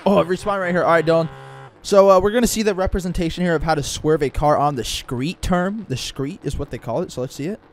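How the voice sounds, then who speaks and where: A young man chatting casually while gaming with a friend, excitable and full of frat-bro slang. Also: on the high side, quick pace. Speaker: gamer. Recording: clear background noise, game engine sounds.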